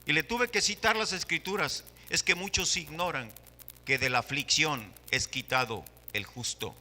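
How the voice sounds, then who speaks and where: Male pastor with a Mexican Spanish accent, high-pitched and fervent, preaching with rising intensity in a reverberant church. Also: normal speed. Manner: impassioned preaching, rising to shouts. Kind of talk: sermon. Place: church hall. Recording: long hall reverb.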